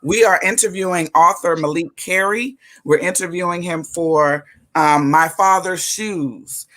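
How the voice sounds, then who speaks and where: A woman hosting a live interview show, talking in an emphatic, lively way with churchy turns of phrase. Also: lowish voice, unhurried. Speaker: host.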